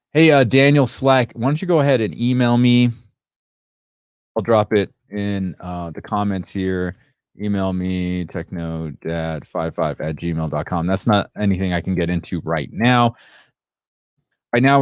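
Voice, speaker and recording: A Sri Lankan-born man hosts a casual tech livestream, reading out viewer comments in a chatty, rambling way with many fillers and restarts. His voice is lowish, and the recording is dry and studio quality.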